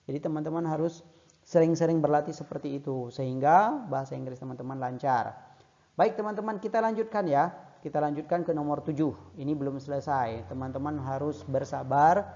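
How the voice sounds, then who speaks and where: Man, Indonesian accent, English teacher, patient, encouraging, slow repetition, gravelly voice, dull lo-fi recording. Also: fairly high pitch, mellow. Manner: patient, encouraging, repeats each sentence slowly. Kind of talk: online English lesson for beginners.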